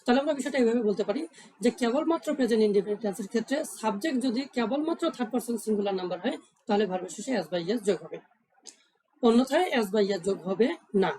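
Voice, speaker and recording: A woman's voice: on the high side, lively intonation, quick pace, mellow, low-quality recording. A woman teaching English grammar rules step by step. She asks questions and then answers them herself, and she repeats the key points.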